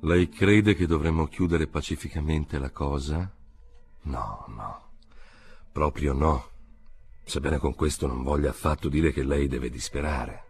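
A man reading an audiobook voices a police inspector, speaking in a calm, low and measured way. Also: breathy edge, exaggerated voice. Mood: detached. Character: cool, detached male police inspector.

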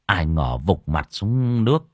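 A man's voice: sits low, big pitch swings, slow pace, darkish tone, dry recording, studio quality, full character voice. A man voicing a shaken male villager telling how he found the body, in an audio story.

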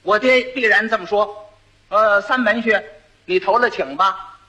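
A man's voice: high voice, a little slow, pushed and bright, poor audio. A man voicing a clever young bride who scolds and coaches her husband. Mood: instructive. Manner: scolding, instructive.

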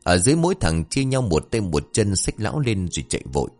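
A man tells a comic folk tale with animated, expressive delivery. His voice sits low but swings widely in pitch as he narrates. Faint music plays behind him. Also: quick pace. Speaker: storyteller.

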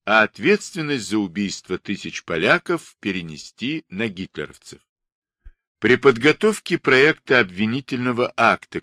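A man with a lowish voice reads nonfiction history aloud in a formal, measured way. His delivery is animated in pitch, with a bright, forceful edge. The sound is close and dry. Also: dry recording. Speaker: audiobook narrator. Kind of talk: scripted nonfiction narration.

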